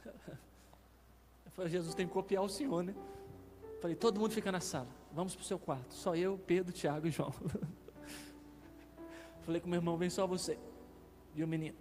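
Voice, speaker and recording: A man's voice: high-pitched, normal speed, long pauses, in a large hall, music in the background. A male pastor with a Brazilian Portuguese accent, telling a testimony in a sermon, with emotional swells. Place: church.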